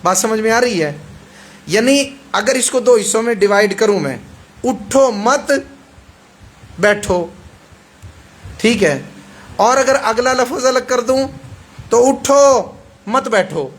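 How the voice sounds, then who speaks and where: A man's voice: extremely high pitch, animated. A male preacher with a Pakistani Urdu accent gives a hadith sermon in an emphatic way, repeating phrases and checking that the audience agrees.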